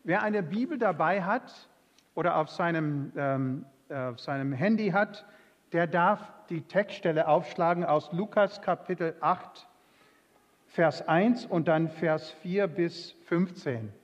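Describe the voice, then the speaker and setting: A man preaching a sermon with a scripture reading, slow and emphatic, dropping to soft tones for quoted lines. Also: on the high side, highs cut off. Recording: long hall reverb.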